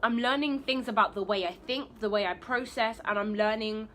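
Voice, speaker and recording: Woman, casual bedroom phone vlogger, candid and rambling, bright forceful tone. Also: a little high, moderate pace, slight background noise. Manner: rambling, candid, talks while eating. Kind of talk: casual vlog chat. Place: her bedroom. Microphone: phone camera.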